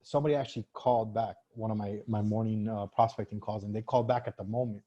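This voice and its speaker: Dark-voiced man coaching casually. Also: on the low side, fairly even intonation, quick pace, husky, muffled recording. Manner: conversational, many fillers and restarts. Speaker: sales trainer. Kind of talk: casual live-stream teaching.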